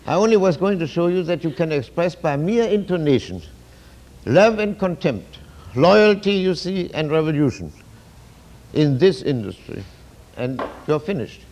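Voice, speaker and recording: Male lecturer, mellow and darkish tone, halting delivery with restarts, philosophical and emphatic. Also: a little high, lively intonation, slight background noise. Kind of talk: university lecture.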